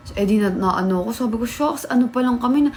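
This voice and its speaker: A young woman vlogger telling a story in casual chat, animated and laughing, acting out what people said. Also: a little high, rapid-fire, a little hiss or hum. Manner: animated, laughing, acts out quotes.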